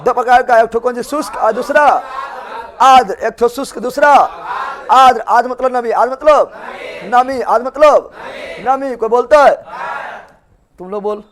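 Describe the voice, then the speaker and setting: Male teacher, very high voice, chants call-and-response in a classroom with students faintly answering. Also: normal speed, long pauses, a faint crowd. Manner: chanting call-and-response, repeats answers loudly, scolds playfully.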